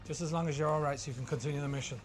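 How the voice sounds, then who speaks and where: A man playing a detached male handler giving orders in a low-budget film, speaking curtly. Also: steady tone, rapid-fire, close to an everyday voice. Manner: curt, detached. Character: cold male handler on the phone. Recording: film soundtrack with music.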